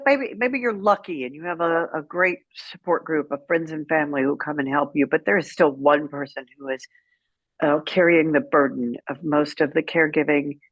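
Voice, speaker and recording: A middle-aged woman tells candid stories as an interview guest, conversational and wry, acting out what people said. Her voice sits low, and the echo-free recording has its highs cut off.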